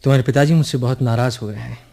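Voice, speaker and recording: An actor playing a desperate, brooding young man in a radio drama, talking in a hushed, urgent way. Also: medium pitch, steady tone, fast, creaky, close to an everyday voice. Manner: hushed, urgent, often trailing to a murmur. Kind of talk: 1980s radio drama acting.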